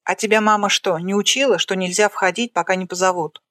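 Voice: mid-range voice, fairly even intonation, brisk, fairly bright tone, dry recording, studio quality, close to an everyday voice. A reader putting on a barking, bossy hospital nurse. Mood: commanding. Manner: commanding, barking orders. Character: stern bossy female endoscopy nurse.

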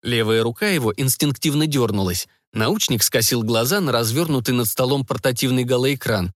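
A man narrating a science-fiction audiobook in a steady storytelling manner. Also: medium pitch, moderate pace, no echo, studio quality. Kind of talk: scripted narration.

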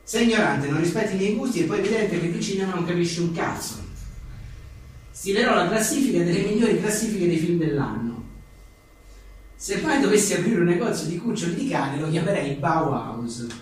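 At a live presentation of his own book in a reverberant room, a man with a high, lively voice briskly reads out funny one-liners, adding casual asides. He's a writer and journalist, wry and joking, frequently chuckling. The mic is distant, with echo and faint noise.

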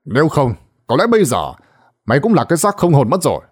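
A man voicing a stern, gruff older village sorcerer in a spoken ghost story. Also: a little high, wildly swooping pitch, fast, exaggerated voice. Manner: gruff, scolding, commanding.

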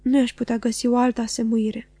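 A woman reading a classic novel aloud in a measured, even narration. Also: fairly high pitch, slightly rough, no echo. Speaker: audiobook reader. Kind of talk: scripted literary narration.

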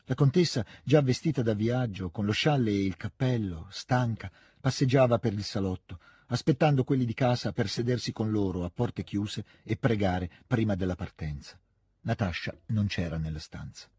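A man reads a classic novel aloud in a measured, expressive storytelling voice. His tone is very husky and breathy, close to the mic, in a dry, dead studio sound. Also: on the low side, dry recording. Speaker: reader of a novel. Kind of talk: literary audiobook narration.

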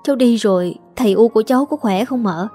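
A woman's voice: fairly high pitch, quick pace, mellow, faint music behind, lightly acted. A woman as a timid young village girl. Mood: hesitant.

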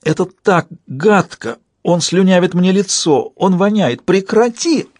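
A man doing a shrill, whiny young woman. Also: animated, moderate pace, darkish tone, dry recording, clean studio sound. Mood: panicky. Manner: whimpering, squealing complaints.

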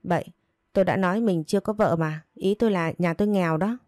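A woman voicing a calm, reserved man who is protective and gently teasing, speaking in short, steady replies with a low, warm tone. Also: fast talker, no room sound, studio quality, close to an everyday voice.

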